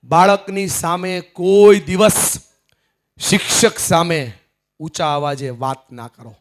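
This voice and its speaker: A middle-aged man giving a live motivational seminar, emphatic, swinging from loud to hushed. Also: high-pitched, slow pace. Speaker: motivational speaker. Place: large seminar hall with audience.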